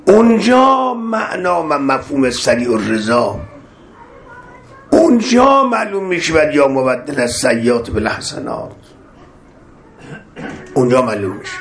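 Persian preacher with swooping emphasis. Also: male voice, medium pitch, very animated, pauses often. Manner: rising and falling emphasis, repeating phrases, chanting Arabic verses. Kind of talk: sermon.

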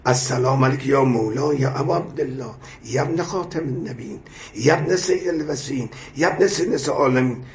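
A man preaching a sermon with passion, reciting prayer lines and explaining them, his voice swelling to loud emphatic cries. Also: mid-range voice, gravelly, slight background noise. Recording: echoey room.

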